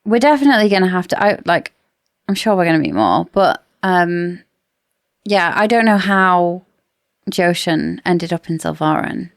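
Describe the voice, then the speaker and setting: Chatting casually about books, this woman co-hosts a podcast in a lowish, animated voice at a normal pace. The recording is dry with clean studio sound.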